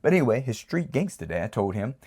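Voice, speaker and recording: A man's voice: medium pitch, very animated, a little fast, darkish tone, slightly rough. A man hosting his own channel, giving a rambling, casual motivational talk and often checking in with the listener. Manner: rambling, repeatedly asks "right?". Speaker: channel host.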